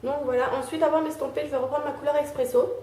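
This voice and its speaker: Young woman, higher voice, mellow tone, chatty makeup tutorial in an echoey room with faint hiss. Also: fairly even intonation, racing. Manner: chatty, fills with "euh" and "hein", talks while applying makeup.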